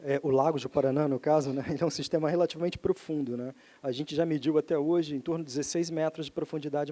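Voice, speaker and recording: A male professor speaks into a panel microphone in a seminar hall. His slightly high voice has a warm, mellow tone. He explains at length, often checking in with short questioning tags. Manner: explanatory, frequent "né?" tag questions, some restarts. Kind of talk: technical talk on lake pollution. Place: seminar auditorium.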